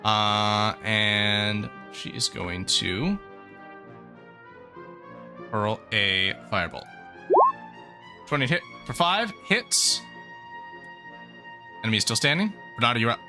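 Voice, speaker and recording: A man's voice: fairly low pitch, animated, slow pace, pauses often, pushed and bright, faint music behind. A man narrating as game master of a tabletop game in an easygoing, descriptive way.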